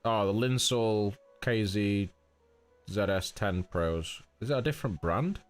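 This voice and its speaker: A man's voice: lowish voice, unhurried, soft background music. Nasal man chatting on stream. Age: 30s. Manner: rambling, chatty, talks to chat as mate. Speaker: game streamer. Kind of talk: casual live-stream chat.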